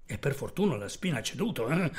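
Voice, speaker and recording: A man voicing a tough, wry old partisan in a theatrical reading, telling his story with lively exclamations. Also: mid-range voice, quick pace, lightly acted. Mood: recounting. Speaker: reader voicing a character.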